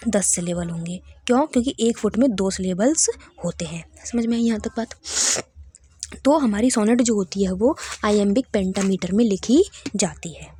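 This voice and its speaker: A woman's voice: medium pitch, normal speed, dark tone, husky. Woman teaching a literature lesson. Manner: checks in with listeners often, repeats key terms.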